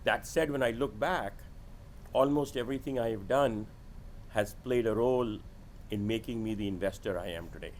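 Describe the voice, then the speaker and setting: A middle-aged venture capitalist, born in India and raised in Sudan and Nigeria, tells his story as a podcast interview guest in a candid, self-deprecating, conversational way. His voice is fairly low at a moderate pace, with slight background noise.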